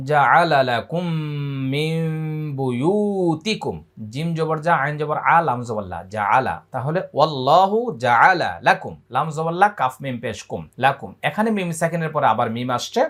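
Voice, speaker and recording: A man from Bangladesh teaching Quran reading, spelling syllables aloud and then chanting verses in a high, drawn-out recitation. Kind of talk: letter-by-letter Quran recitation lesson.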